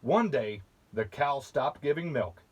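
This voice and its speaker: A man reading a children's picture book aloud, slowly and patiently, pausing to point out the pictures. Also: medium pitch, lively intonation. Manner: slow, patient, with asides about the pictures. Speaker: storybook reader.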